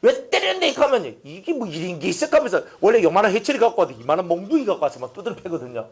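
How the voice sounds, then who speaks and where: Animated preacher with lively pitch. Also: male voice, rapid-fire. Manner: animated, folksy, acts out scenes, calls congregation to repeat. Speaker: pastor. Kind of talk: sermon.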